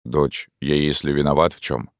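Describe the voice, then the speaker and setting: Deep-voiced guy as a grumpy old stepdad, whiny then scolding, very low voice, dry. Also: little pitch movement, normal speed, gravelly, dry recording. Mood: tender. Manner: plaintive, scolding. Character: aging stepfather, grumbling and touchy ex-officer.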